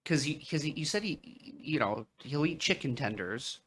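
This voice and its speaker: Man, podcast co-host, casual chat, playful and jokey, gets loud at times. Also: fairly high pitch, lively intonation, normal speed, a little hiss or hum. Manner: joking, playful, loud bursts.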